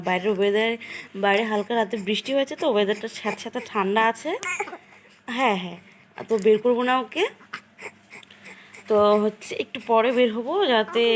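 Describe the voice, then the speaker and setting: A woman's voice: fairly high pitch, a little hiss or hum. A young woman, a mother chatting casually to her viewers in a home vlog. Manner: chatty, talks straight to viewers. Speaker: vlogger mother.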